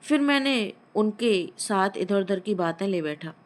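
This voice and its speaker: A woman storyteller reading a Hindi short story aloud in a measured, expressive narration. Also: medium pitch.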